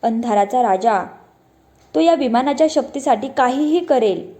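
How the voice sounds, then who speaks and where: A kind sky fairy from a children's storybook, voiced by a woman. She speaks calmly and gently in a mellow, fairly high voice. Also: normal speed. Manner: calm, soothing delivery.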